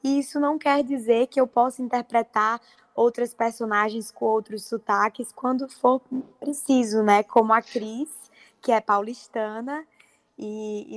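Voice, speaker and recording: A young woman from Paraíba with her regional accent speaks in an interview. She talks earnestly with fillers, her voice a little high. The sound is dry and close. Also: a bit bright, no room sound. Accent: Paraíba Brazilian Portuguese. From Paraíba, Brazil. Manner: earnest, fluent, many fillers. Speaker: actress guest. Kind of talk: casual interview chat.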